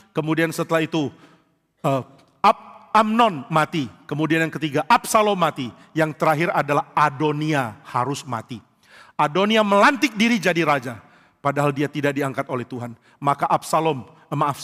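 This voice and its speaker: A male pastor delivers an emphatic sermon, leaning on rhetorical questions and slipping into the voices of the people he quotes. His voice sits fairly high for a man. The sound carries the long reverb of a church hall. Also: a bit bright.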